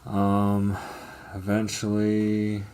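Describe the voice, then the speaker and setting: A man's voice: fairly low pitch, completely flat delivery, drawn-out words, dark tone, clean tone. A man in his thirties casually telling his life story on a livestream, hesitant and rambling with frequent ums and the odd swear word. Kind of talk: casual live testimony.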